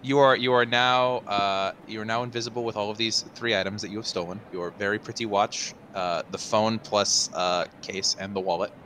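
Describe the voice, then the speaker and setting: A man with a fairly low but bright, forceful voice acts as game master. He narrates casually and a little hesitantly, with noise behind him. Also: fairly even intonation, brisk, hardly any pauses. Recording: noisy room recording.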